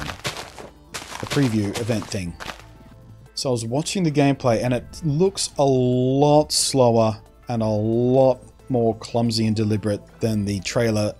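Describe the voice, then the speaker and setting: Speaking casually to his viewers, a male streamer answering chat uses a slightly mellow, mid-range voice that is neither high nor low. He rambles and frequently restarts sentences while sharing his opinions on a casual live stream, with faint music in the background.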